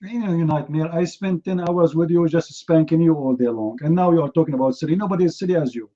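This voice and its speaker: Hosting a heated online debate over dull, lo-fi stream audio, a native Arabic speaker mocks and battles his opponent, repeating his demands again and again. He speaks fast, with a mellow voice on the high side.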